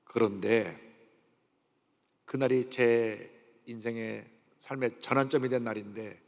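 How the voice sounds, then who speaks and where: A pastor in his sixties preaching a sermon and telling his own testimony, with sudden jumps between quiet and loud. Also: medium pitch, fairly even intonation, takes it slowly, vocal fry. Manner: storytelling with sudden swings in loudness. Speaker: senior pastor. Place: large church sanctuary. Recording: long reverb of a large church hall.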